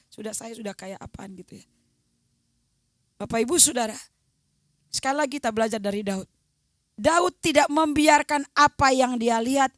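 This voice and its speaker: Woman, evangelist sermon, fairly high voice, hushed to loud emphatic swings, dry close sound. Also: no room sound. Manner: colloquial, acts out remembered dialogue. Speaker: evangelist preacher. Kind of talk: sermon with personal testimony.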